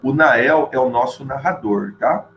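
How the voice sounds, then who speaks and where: A man's voice: mid-range voice, unhurried, highs cut off, a little hiss or hum. A middle-aged man with a Brazilian accent giving a casual literature lesson, informal and chatty, often checking in with his listeners. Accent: Brazilian Portuguese. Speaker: literature teacher. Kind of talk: casual classroom lecture.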